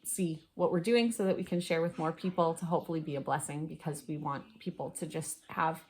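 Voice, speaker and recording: A woman's voice: low voice, fairly even intonation, fairly quick, a little mellow, low-quality recording. Earnest woman in casual family chat. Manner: earnest, chatty, many "like" fillers. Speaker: co-host of family channel. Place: family home.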